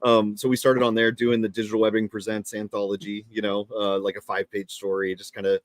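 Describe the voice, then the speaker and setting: A man's voice: fairly low pitch, little pitch movement, fast, no echo, clean studio sound. A man co-hosting a comics talk show in casual chat, enthusiastic and rambling as he searches for words.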